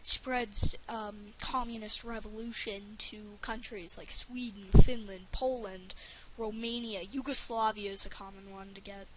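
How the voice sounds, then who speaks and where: A woman's voice: mid-range voice, steady tone, a little slow, few pauses. A woman giving casual gameplay commentary for a let's play, rambling and stumbling over her words with lots of fillers. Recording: faint hiss under the voice.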